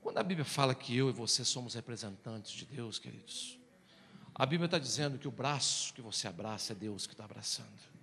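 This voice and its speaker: A man preaching a storytelling sermon, animated, swinging between loud exclamations and hushed quiet. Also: mid-range voice, brisk, creaky, long reverb tail. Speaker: pastor.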